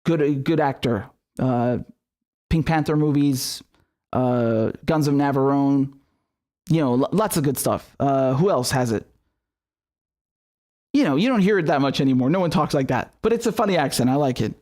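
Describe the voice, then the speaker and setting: A young man from Syria rants with passion on his live political commentary stream, swearing between quick side remarks. His voice is mid-range and a little mellow.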